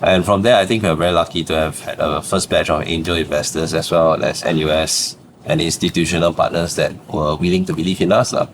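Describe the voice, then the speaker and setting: A low, quick-paced male voice with fairly even intonation and a touch of hiss or hum. He's a young Singaporean startup founder guesting on a podcast, telling casual stories with a Singaporean accent, plenty of laughter, and "lah" at the ends of phrases.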